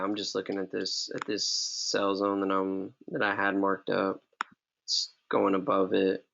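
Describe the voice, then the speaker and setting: Trading mentor, male, relaxed slangy delivery, gravelly tone, dull recording. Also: on the low side. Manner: laid-back, slangy, repeats himself. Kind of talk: casual live trading session.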